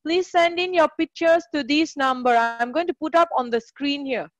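A high-voiced woman tutor runs a live online English lesson, cheering her students on with quick praise. Her voice is close and dry, caught on a computer mic with no room sound around it. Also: no echo, muffled recording. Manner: upbeat, encouraging, praises students often. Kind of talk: live online class teaching.

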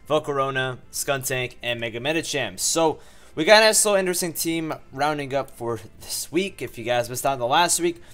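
A man's voice: mid-range voice, a bit bright. A young man with a sore throat and a cough, chatting casually through game commentary and rambling with many fillers. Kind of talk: casual let's-play commentary.

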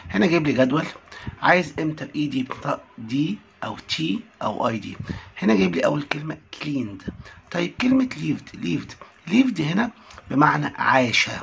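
A man with an Egyptian Arabic accent, teaching an English lesson and repeating words slowly for drilling. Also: a little high, vocal fry, a bit bright. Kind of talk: classroom lesson recording.

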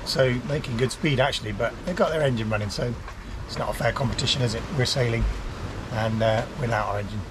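A UK sailing vlogger in his fifties talks quickly, at medium pitch, with dry, self-mocking humour, mixing casual narration and to-camera chat. He holds an action camera at arm's length in the cockpit of a yacht out at sea. The outdoor camera audio carries clear wind and water noise.

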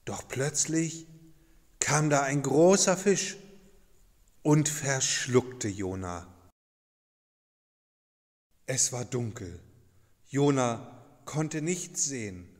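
Male storyteller, slow and dramatic, church echo. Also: medium pitch, expressive. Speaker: storyteller for children. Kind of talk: children's Bible story narration.

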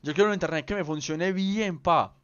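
A man's voice: sits high, normal speed, a bit bright, a little hiss or hum. A young man chatting casually with viewers on a game livestream, playful and rambling, full of slang. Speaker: streamer. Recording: slightly dull lo-fi stream audio.

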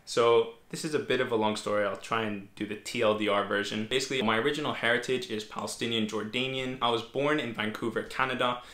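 Talking fast with hardly any pauses, a young Greek man in his twenties, a medical student, answers viewer questions in a casual Q&A vlog. His voice is mid-range, steady, pushed and bright; a fixed desk camera records him in a small, echoey bedroom home office indoors.

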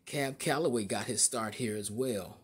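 A man narrating a casual walking tour inside a large store, halting often with fillers and restarts. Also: lowish voice, breathy edge. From Chicago area. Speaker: vlogger.

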